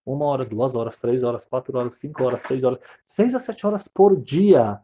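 Fast-talking man telling a story. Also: mid-range voice, lively intonation, mellow, slight background noise. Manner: repetitive, rhythmic narration. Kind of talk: spoken storytelling. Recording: dull lo-fi sound.

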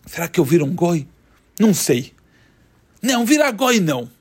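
A man's voice: high-pitched, sing-song, normal speed, slightly rough, exaggerated voice. A man acting out a poor, sorrowful man who pleads and frets in a children's story. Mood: pondering. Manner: pleading, tearful.

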